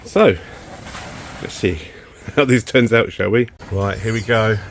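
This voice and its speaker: A man's voice: fairly low pitch, takes it slowly, slight background noise. A man vlogging while working on his car in a home garage workshop, exasperated and swearing when things go wrong, a bit out of breath. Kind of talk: casual workshop vlog.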